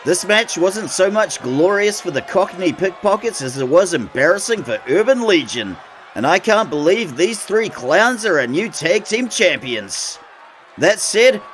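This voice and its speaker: A man's voice: sits high, fairly bright tone, a little hiss or hum. A man calling wrestling play-by-play as the show's commentator and host, sardonic and opinionated, with mock-grumpy asides. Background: music.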